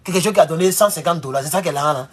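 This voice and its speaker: A man talking to viewers in a casual live-stream monologue. He rambles and swings between loud, high outbursts and low mutters. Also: rapid-fire.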